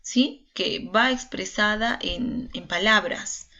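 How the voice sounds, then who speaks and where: Teaching an online class, a woman speaks slowly in a mid-range voice that sounds pushed and bright. She's chatty and a little nervous, full of fillers and tag questions, and the online class audio is dull and lo-fi.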